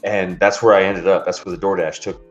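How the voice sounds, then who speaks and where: Low-voiced man telling profane stories. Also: level tone, fast. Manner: profane, rambling, laughs often. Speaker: streamer, delivery driver. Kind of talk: casual chat, storytelling. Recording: dull lo-fi stream audio with faint music.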